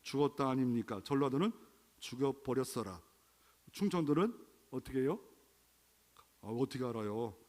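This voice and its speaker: A man's voice: mid-range voice, big pitch swings, moderate pace, long pauses, a little mellow, in a large hall. A man from Chungcheong, Korea, preaching a sermon as pastor, with emphatic exclamations and rhetorical questions. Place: church sanctuary.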